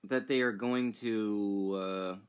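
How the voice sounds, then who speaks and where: A young man giving casual commentary as he reacts to a game demo, excitable and breaking into sudden exclamations. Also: on the low side, slow, clean tone. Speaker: gaming YouTuber reacting to a demo.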